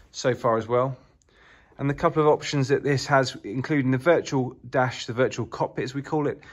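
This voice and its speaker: This man's voice is mid-range with no room sound at all. He's a car dealer filming a casual walkaround of a used car in an indoor showroom, holding the camera himself and delivering cheerful salesman talk while he walks.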